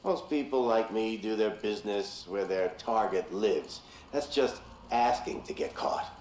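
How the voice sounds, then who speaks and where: Slow-spoken jailed killer, played by a man, calm and menacing, in a roomy game mix with faint hiss. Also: fairly low pitch, natural voice. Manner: slow, measured, menacing storytelling. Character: calm imprisoned male killer telling his story.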